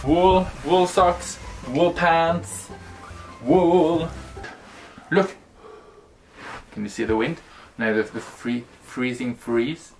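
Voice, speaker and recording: A man's voice: medium pitch, slight background noise. Playful young Norwegian man vlogging. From Norway. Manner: playful, laughs often, chatty. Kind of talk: casual vlog chat. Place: wooden cabin indoors, then snowy mountains outdoors.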